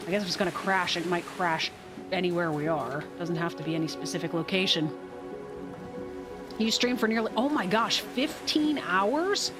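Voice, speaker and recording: In casual live gameplay commentary, a woman with a lowish voice reasons out loud while playing and responds to her chat at a moderate pace. Game music runs in the background.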